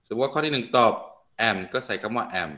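An English teacher gives an online grammar lesson over a video call, speaking into a computer microphone with a bright, forceful tone. He slowly stretches out each English example, then switches to brisk Thai explanations. His voice is medium-pitched with lively intonation.

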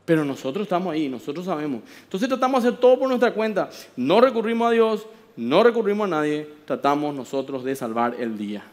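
A man with a Paraguayan Spanish accent, a pastor preaching a sermon with animated storytelling and acted-out voices. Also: fairly high pitch, quick pace, in a large hall.

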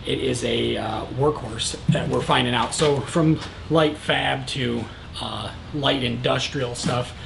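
In a large warehouse, a man in his thirties who reviews welding supplies casually demonstrates equipment. His voice is fairly high and gravelly, and he talks in a relaxed, plain way full of "uh" and "um" fillers, with background noise around him.

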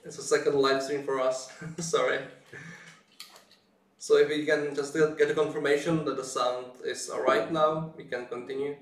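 A man's voice: on the high side, little pitch movement, moderate pace. A man co-hosting a live stream in easygoing casual chat, laughing often, his voice carrying a heavy echo as in a canyon. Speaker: co-host of a software live stream. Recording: echoey room, distant from the mic.

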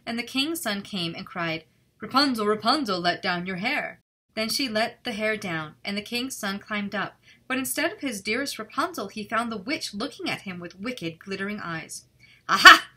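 A woman illustrator reading a fairy tale aloud and chatting casually about her drawing, relaxed and self-critical. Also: mid-range voice, moderate pace, few pauses, breathy edge. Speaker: illustrator and channel host. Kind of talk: storybook reading and casual art commentary.

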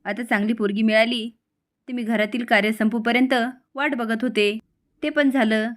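A woman's voice: fairly high pitch, normal speed, fairly bright tone, natural voice. A woman voicing a furious scheming mother. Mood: angry, scolding.

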